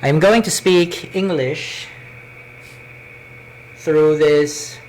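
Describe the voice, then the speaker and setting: A man with a Cebuano Filipino accent presents a live tech demonstration in deliberate, measured short phrases, speaking into a wired microphone. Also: fairly high pitch, darkish tone, slight background noise, poor audio. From Philippines. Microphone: wired microphone into a laptop.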